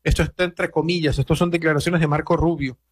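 A man hosting early-morning radio news in a notably high voice. He talks loosely and conversationally, dropping in wry asides between the news items. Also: steady tone, quick pace, husky. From Venezuela. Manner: conversational, reads quotes aloud, adds wry asides.

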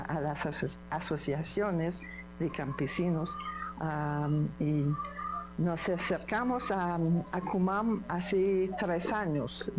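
A woman's voice: on the low side, noisy background. A woman from an aid association answering interview questions, hesitant with many fillers.

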